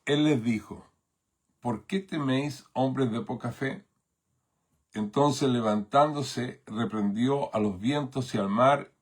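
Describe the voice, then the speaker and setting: A Chilean man with a Chilean Spanish accent preaches a sermon as a pastor, thoughtful in manner and heavy on fillers and tag questions. His voice sits at medium pitch with a slight roughness.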